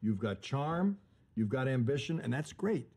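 Blunt gruff older husband, no sugarcoating, kinda husky. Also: male voice, mid-range voice, sing-song, normal speed, darkish tone. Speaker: blunt family patriarch giving business advice. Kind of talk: sitcom acting.

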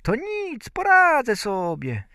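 A man voicing a tiny, cheeky peasant boy from a folk tale, talking in a shrill, pert voice. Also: wildly swooping pitch, slow pace, pushed and bright, dry recording, clean studio sound, heavily acted. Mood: pert, eager.

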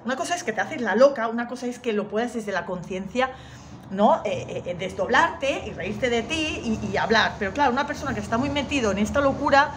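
A woman telling a story in an animated, chatty way, often quoting other people. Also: on the high side, brisk, noisy background. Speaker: astrology vlogger. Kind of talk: casual storytelling monologue.

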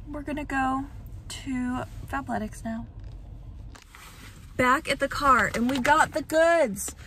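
A woman's voice: high-pitched, a bit bright, slight background noise. A young woman vlogging casually, chatting with lots of "like" fillers and easy laughs while out running errands. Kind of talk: casual vlog chat. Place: car and errands, in and out of doors.

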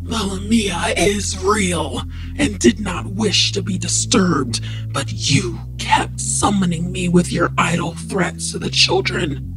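Woman doing a slow raspy hissing snake monster, female, inhuman whisper, music under it. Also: fairly low pitch, lively intonation. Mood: menacing. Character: eyeless snake-like female Lamia monster, menacing. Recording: music bed behind voice.

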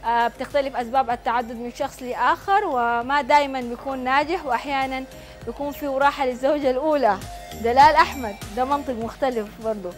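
A woman's voice: high voice, fast, soft background music. A woman with a Sudanese Arabic accent presenting a live TV show in a chatty, congratulatory way. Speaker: TV show host and prize draw presenter. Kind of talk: live TV presenting, reading messages and announcing prizes. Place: TV studio, standing.

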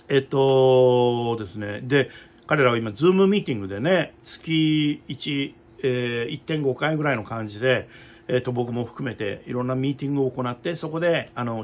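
A man's voice: mid-range voice, slight background noise. A man hosting his own talk show about opera, speaking in a rambling, earnest way with many fillers. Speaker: opera director and show host. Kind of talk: casual talk to viewers.

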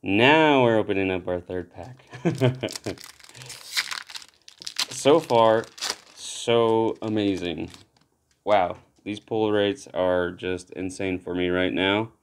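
A man giving casual commentary while opening trading card packs, relaxed but breaking into excited exclamations at good pulls. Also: on the low side, slow pace, long pauses, a little hiss or hum. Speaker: card pack opener.

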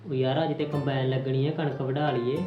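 Man playing a calm farmer husband. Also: mid-range voice, fairly quick, highs cut off, music in the background, close to an everyday voice. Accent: Punjabi. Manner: easygoing, placating. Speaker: actor in family drama.

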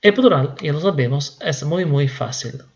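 A man teaching Spanish grammar slowly and deliberately, repeating each word. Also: a little high, lively intonation, lo-fi sound. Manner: slow, deliberate, repeats words. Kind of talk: slow classroom explanation.

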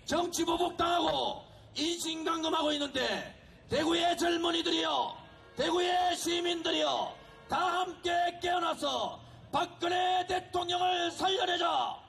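A man giving a fiery political speech at an outdoor street rally, shouting and exhorting the crowd. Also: very high-pitched, measured pace, creaky, faint music behind.

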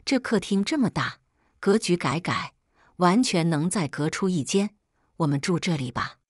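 A woman's voice: fairly low pitch, expressive, moderate pace, no echo, clean studio sound. A woman reading as a decisive middle-aged father. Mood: matter-of-fact.

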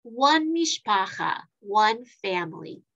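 A woman's voice: on the high side, very animated, slow, a bit bright, muffled recording, full character voice. A woman doing a chatty male neighbor. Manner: chatty, good-humored. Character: flustered married man neighbor, friendly.

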